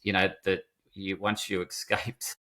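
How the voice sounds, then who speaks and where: A man with a lowish voice hosts a podcast interview. He talks with eager enthusiasm, circling back and restarting sentences as he goes. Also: level tone, measured pace, pushed and bright. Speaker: podcast host. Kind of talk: podcast interview, scripted intro.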